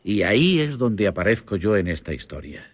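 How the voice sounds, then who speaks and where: An actor narrating a dubbed western as a grown son calmly recalling the past, with a husky voice. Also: male voice, on the low side, normal speed, no room sound. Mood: reflective.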